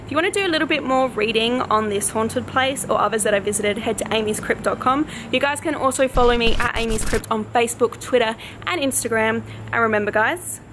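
A woman's voice: fairly high pitch, brisk, few pauses. A young woman hosting a paranormal vlog, chatting casually as she walks through a cemetery at night and reads names off the headstones. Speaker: paranormal vlogger host. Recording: noisy outdoor night recording.

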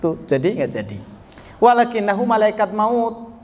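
A man's voice: sits high, sing-song, moderate pace, darkish tone. A man preaching a storytelling sermon to a study group, chatting with the audience, asking them questions and calling them sir. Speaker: Islamic preacher. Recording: long hall reverb, faint background noise.

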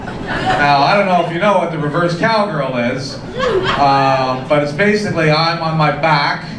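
A man's voice: fairly high pitch, big pitch swings, measured pace. A middle-aged man doing a stand-up set, telling self-mocking stories with false starts and restarts. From Canada. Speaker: stand-up comedian. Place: comedy club stage. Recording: echoey club recording from far off with loud audience noise. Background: audience laughter.

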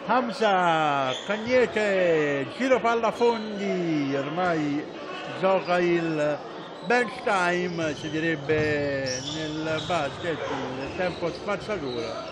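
A man giving live handball commentary, pausing as he searches for names and words. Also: a little high. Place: indoor sports hall, at courtside. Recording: loud sports hall noise, bouncing balls. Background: loud gym ambience and ball bounces.

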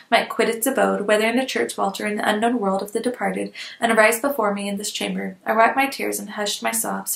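A woman narrating a classic novel aloud in a measured, expressive reading. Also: medium pitch, creaky, echoey room. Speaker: audiobook reader. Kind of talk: literary audiobook narration.

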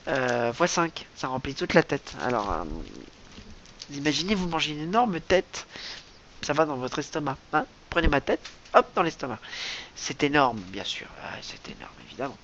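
A man's voice: a little high, sing-song, moderate pace, a bit bright. A man rambling through a mock-serious improvised comedy monologue, stammering and repeating himself, recorded lo-fi with faint hiss. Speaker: comic vlogger.

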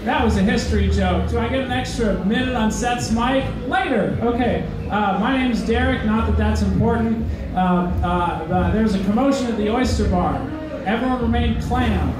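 A high-pitched young man, moderately paced and with background noise, hesitates through a self-deprecating comedy club set packed with "uh"s. Crowd laughter and heckling fill the echoey room, and his mic comes across from a distance.

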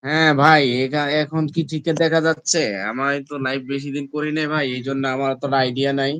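A man's voice: medium pitch, level tone, fast, clear, resonant tone, dry recording. Man chatting to his live-stream viewers. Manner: repeatedly asks viewers to comment and like; calls viewers "brother" and "friends". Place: indoors, at home.

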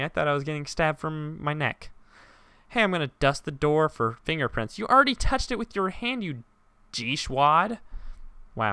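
A young man giving let's-play commentary, joking, swearing and shouting as he reacts to the game. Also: fairly high pitch, clear, resonant tone, dry recording. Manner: jokey, profane, quick to shout. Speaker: gaming YouTuber.

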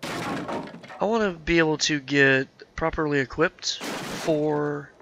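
A man with a somewhat high, slow voice narrates his own gameplay in casual let's-play style, thinking out loud with plenty of filler words. Being sick has left his voice nasal and scratchy.

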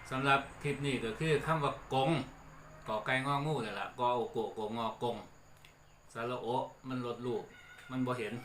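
A middle-aged man with an Isan accent, hosting a relaxed lesson on old regional words and chuckling between points. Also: medium pitch. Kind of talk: casual explanatory talk. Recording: echoey room with faint background noise.

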